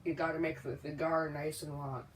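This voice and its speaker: A woman co-hosting a casual storytelling game, hesitant and halting, with many uhs and restarts. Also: low voice, level tone, echoey room, recorded from a distance, slight background noise. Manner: hesitant, full of uhs and restarts, laughs easily. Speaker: co-host.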